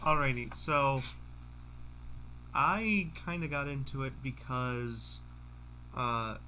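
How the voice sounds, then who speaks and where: Bright-voiced young man, rambling casually. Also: medium pitch, a little hiss or hum, poor audio. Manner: halting, rambling, often repeats phrases. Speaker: podcast guest. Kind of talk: casual chat among friends.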